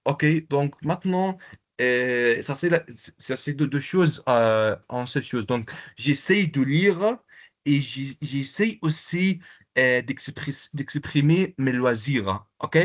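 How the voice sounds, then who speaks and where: A male teacher gives a lesson over a video call, explaining step by step with many pauses and repeated words. His voice sits at a middling pitch. The audio is slightly dull and lo-fi. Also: animated. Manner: hesitant, repeats words, slow careful explanations. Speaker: Arabic teacher. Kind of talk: online language lesson.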